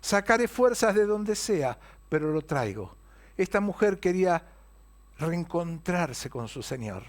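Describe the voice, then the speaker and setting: Man, Rioplatense accent, pastor's sermon, fairly high voice, rhetorical questions, loud-soft swings. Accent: Rioplatense Spanish. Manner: storytelling preacher, rhetorical questions, wide swings in loudness. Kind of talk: Easter sermon.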